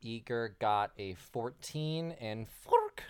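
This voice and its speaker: Lively-pitched man running the game. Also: smooth. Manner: relaxed, laughing, slow deliberate narration. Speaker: game master.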